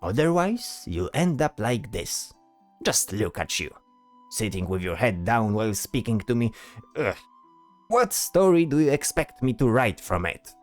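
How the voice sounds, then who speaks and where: In a fantasy audio drama, a man voices a flamboyant male bard who is teasing, bold and self-assured, speaking theatrically and tacking questions onto his sentences. His medium-pitched voice is sing-song and unhurried, with a playful, lecturing mood. Soft music plays in the background.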